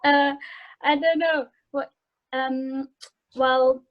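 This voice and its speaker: A university student in her early twenties from Johannesburg, South Africa, chats casually and hesitantly as an interview guest over a video call from a room at home. Her South African-accented voice is high-pitched, fairly even in intonation and extremely slow. Her speech is informal and student-like, and the recording's highs are cut off.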